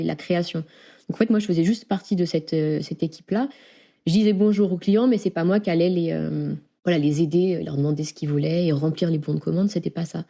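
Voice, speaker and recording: A young woman tells her story as a guest, chatty and quick. Her voice sits low with a dark, mellow tone. She laughs easily and leans on fillers as she talks. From France. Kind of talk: casual interview chat.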